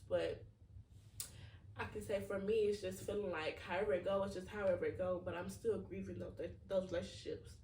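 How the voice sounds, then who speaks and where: Speaking a bit briskly in a mellow, mid-range voice with fairly even intonation, a podcast host in her 20s reflects on her feelings in a frank, wandering monologue full of "like" fillers. She sits away from the mic, so the sound is echoey with slight hiss or hum.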